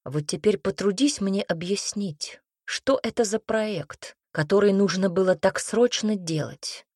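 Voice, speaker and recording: A cold, stern male boss, as a woman narrator puts him on in an audiobook, speaking in a slow, demanding tone. The voice is husky and a touch lower than her own, dry and close. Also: a little mellow, no room sound.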